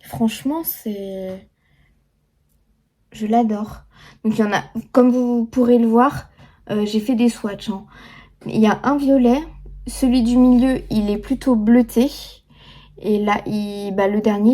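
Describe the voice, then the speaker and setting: A woman's voice: a little high, fairly even intonation, a little slow, pauses often, mellow. A young woman chatting casually through a makeup tutorial, full of fillers and restarts. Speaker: beauty vlogger.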